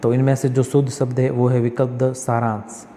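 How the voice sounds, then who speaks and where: A man's voice: mid-range voice, level tone, normal speed, warm tone, big-room sound, a little hiss or hum. A male tutor walks through exam practice questions, reading each one, correcting the spellings step by step and asking himself questions that he answers.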